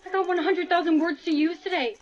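A woman's voice: very high-pitched, steady tone, fairly quick, lo-fi sound, slight background noise. A woman telling a scripted storytime with emphatic, dramatic exclamations. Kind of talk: scripted storytime narration over slime video.

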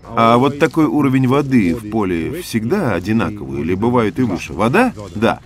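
A man's voice: mid-range voice, sing-song, moderate pace, over music. A man voicing a documentary interview, asking and answering in a plain conversational way. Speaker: interviewer and voice-over narrator.

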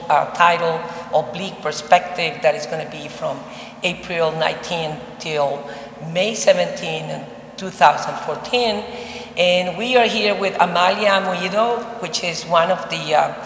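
A woman's voice: on the low side, normal speed, a little hiss or hum. An older woman curator, introducing an interview with formal, phrasing. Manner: formal, with non-native phrasing. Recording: echoey gallery with a long tail.

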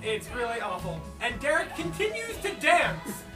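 A woman's voice: fairly high pitch, big pitch swings, normal speed, distant mic. A young woman hosting a casual live commentary, laughing often and exclaiming in exasperation. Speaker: commentary host. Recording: music playing behind.

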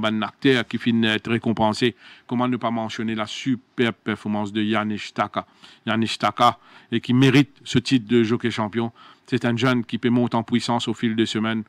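Halting man, dry sound. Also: mid-range voice, dry recording. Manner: halting, searches for words, many restarts. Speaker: horse racing show host. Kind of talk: studio racing talk.

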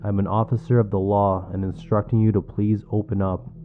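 A pushy police officer, read by a man with a deep voice who speaks in short, commanding lines. Soft music sits under the horror narration. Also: flat delivery, a little fast, phone-quality sound, lightly acted. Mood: insistent. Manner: clipped and commanding. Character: curt, insistent male police officer.

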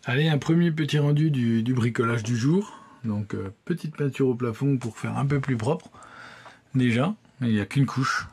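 Speaking at normal speed, this young vlogger has a medium-pitched, slightly mellow and rough voice. His informal, wry chat is captured by a phone at arm's length.

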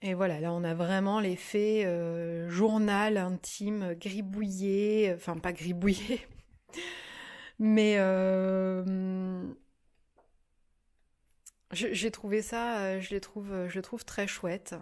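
A woman's voice: medium pitch, steady tone, takes it slowly, darkish tone. A woman in her thirties chatting casually at home, hesitant, with many fillers and restarts. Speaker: vlogger reviewing books. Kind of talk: casual chat.

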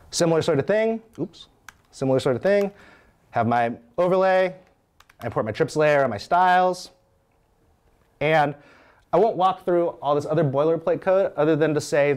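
A man in his thirties giving a live technical talk, walking through code in a conversational way and often checking in with "right?". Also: medium pitch. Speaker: conference speaker. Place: meetup room with audience.

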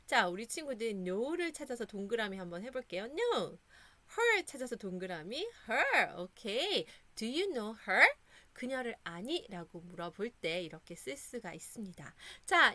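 Lively bright-voiced Korean woman teacher. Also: mid-range voice. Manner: encouraging, repeats words slowly for kids to echo. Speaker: English teacher for children. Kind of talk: children's English lesson.

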